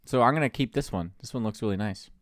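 A man's voice: lowish voice, fast talker, dry recording, studio quality. A tipsy man co-hosting a podcast, joking and teasing in casual chat. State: tipsy from whiskey. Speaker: podcast co-host.

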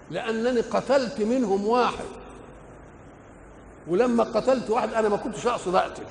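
Older Egyptian preacher in an echoing hall. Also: male voice, high-pitched, gravelly. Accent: Egyptian Arabic. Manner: asks rhetorical questions and answers them himself. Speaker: preacher explaining the Quran. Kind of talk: colloquial religious lecture. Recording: echoey hall with faint noise, old recording.

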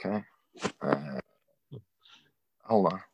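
A man's voice: low-pitched, slow, gravelly, dull audio, slight background noise. Chatty man on a video call. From England. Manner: chatty, swearing, storytelling. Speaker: show promoter on a video call. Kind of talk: casual chat.

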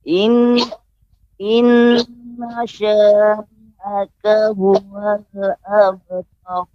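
A man from South Sumatra calling in on a crackly phone line that keeps cutting out, reciting scripture slowly and carefully for a teacher. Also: high-pitched, flat delivery, dry recording, faint music behind. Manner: slow, careful, drawn-out recitation. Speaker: caller. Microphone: phone call. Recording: muffled, dry phone-line audio.

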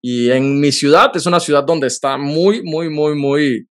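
Man in his thirties, earnest testimony, slightly higher voice. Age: 30s. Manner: earnest, emotional storytelling with quick bursts. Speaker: podcast host.

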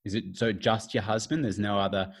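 A man's voice: lowish voice, fairly even intonation, fairly quick, close to an everyday voice. A guy playing a grumpy mid-forties husband, defensive and a bit officious, comedy improv. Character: defensive mid-forties husband, then a fussy hotline caller.

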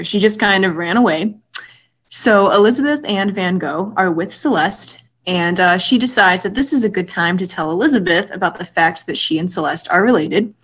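A woman's voice: fairly low pitch, a bit bright. Playful woman co-hosting a podcast. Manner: joking, playful. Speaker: podcast co-host. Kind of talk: casual humorous book discussion.

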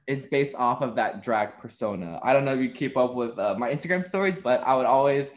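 A man's voice: mid-range voice, a little fast. Chatty young man, laughing easily. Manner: open and chatty, laughs often. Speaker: content creator being interviewed. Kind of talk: casual interview chat.

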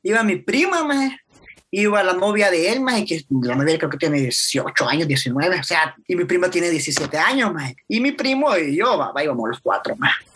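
A man's voice: high-pitched, expressive, normal speed, a bit bright, breathy edge. A young man with a Salvadoran accent telling a rambling story in slangy casual chat, dropping "maje" constantly.

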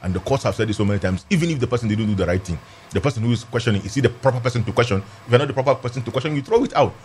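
Talking rapid-fire in a darkish, mid-range voice, a Nigerian-accented man argues legal points forcefully during a heated political and legal discussion. He repeats phrases for emphasis, and there's a little hiss or hum on the recording.

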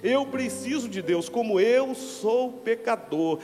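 Male pastor, high voice, sermon delivery from hush to loud; reverberant church hall, faint music bed. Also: expressive, takes it slowly. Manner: swings from low hushed lines to loud declarations.

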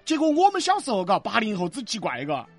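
A man with a Sichuanese accent banters as a comedy co-host. His intonation is lively and varied, playful with a streak of mock indignation. Music plays clearly behind him. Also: high-pitched, fast talker, dry recording. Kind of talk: comic banter in Sichuan dialect.

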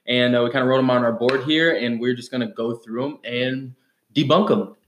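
A man hosts a casual gym podcast in an upbeat, rambling way, full of fillers and restarts. His voice sits at an ordinary middle pitch. The room around him rings with a clear echo. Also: fairly even intonation, fairly quick. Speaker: podcast host and CrossFit coach. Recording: echoey room.

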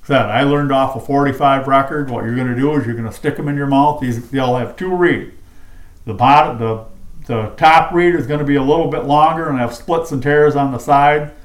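A man's voice: medium pitch, normal speed, echoey room. Folksy man explaining turkey calls. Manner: folksy, demonstrates calls with his mouth. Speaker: turkey calling expert. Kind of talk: casual instructional chat.

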